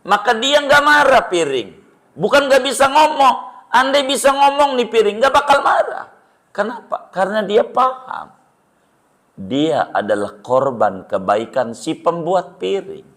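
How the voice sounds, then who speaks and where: A man's voice: high-pitched, a little slow. A middle-aged man preaching to a congregation, firing rhetorical questions at his listeners and joking as he teaches. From Indonesia. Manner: animated, rhetorical questions to the audience, jokes. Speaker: Islamic preacher. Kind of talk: sermon to a live congregation.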